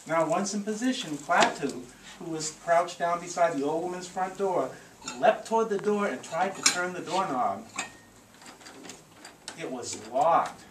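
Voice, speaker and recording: With an expressive, unhurried, medium-pitched voice, the storyteller performs a live audio theatre reading, encouraging the group and slipping in coaching asides. Sound comes from a handheld camcorder far off in an echoey, noisy room.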